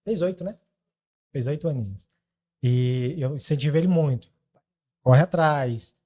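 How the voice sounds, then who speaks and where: Mellow-voiced podcast host. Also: male voice, medium pitch, unhurried. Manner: encouraging, affirming. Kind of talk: casual podcast chat.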